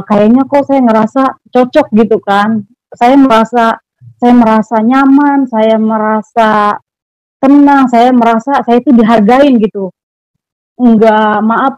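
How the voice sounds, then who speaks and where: A woman's voice: medium pitch, darkish tone, no echo. A woman with a Jakarta Betawi accent tells her personal story to an interviewer. She speaks hesitantly, with many fillers. The audio is dull and muffled, with a dry, close sound. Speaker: testimony guest.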